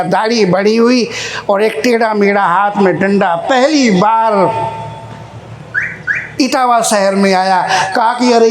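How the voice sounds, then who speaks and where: A preacher telling a parable in a sermon at an ashram gathering, animated and acting out the dialogue. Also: medium pitch. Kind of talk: sermon storytelling. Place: ashram hall at a religious gathering. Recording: echoey hall.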